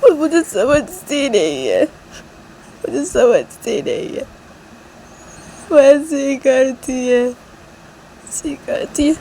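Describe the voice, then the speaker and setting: A woman's voice: mid-range voice, a little slow, pauses often, dark tone, a little hiss or hum, voice pushed up, close to an everyday voice. Tearful lovesick young woman pleading, as a woman reads her.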